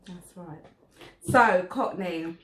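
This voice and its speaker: A woman's voice: on the low side, slow pace, reverberant, low-quality recording. A woman who is a mother and vlog host, chatting casually and upbeat while running an accent challenge with her son. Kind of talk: casual family vlog chat.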